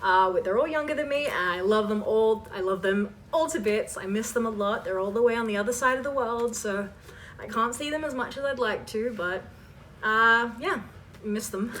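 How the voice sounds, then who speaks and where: Fielding fan questions, a voice performer from online in her twenties speaks at a normal speed in a voice on the high side with a fairly bright tone. The chat is casual and meandering, and she frequently interrupts herself. Background noise is clearly audible through the distant mic.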